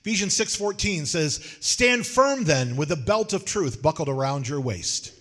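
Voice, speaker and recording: Joking preacher man, slightly high voice, lively storytelling sermon. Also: a little slow, long reverb tail. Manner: folksy, joking, animated storytelling. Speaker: pastor.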